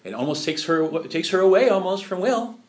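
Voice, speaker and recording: A man giving a lecture, chatty and animated, often asking rhetorical questions and laughing at his own points. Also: sits high, a little fast. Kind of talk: lecture on musical theater history.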